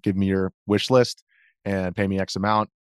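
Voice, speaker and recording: An American man, a video journalist appearing as an interview guest, tells casual anecdotes, interrupting himself and acting out what people said. His voice sits low with a flat delivery at a moderate pace. The tone is clean, with no echo and clean studio sound.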